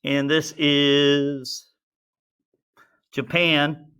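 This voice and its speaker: Speaking extremely slowly, the man has a level, clean, sharp voice on the high side. He's a teacher leading a relaxed science class, drawing as he explains, asking questions of students, and chatting to himself as he draws.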